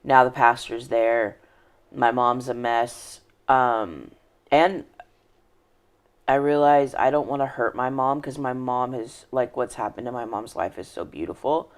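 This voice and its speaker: A woman's voice: extremely low pitch, unhurried. Earnest woman recounting her life story. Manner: earnest, reflective, trailing off and restarting. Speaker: podcast guest. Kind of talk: personal life story in conversation.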